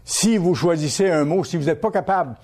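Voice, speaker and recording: A man's voice: fairly high pitch, fairly quick, a little mellow. A man preaching a sermon as a pastor, teaching by repeating key words and asking his listeners questions.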